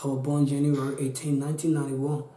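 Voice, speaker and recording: A man's voice: mid-range voice, monotone, quick pace, warm tone, reverberant, rough recording. A Liberian man in his twenties with a Liberian accent, telling his own story in an interview, earnest and pleading, often repeating himself. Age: 20s. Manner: pleading, repetitive, restarts often. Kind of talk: earnest personal account.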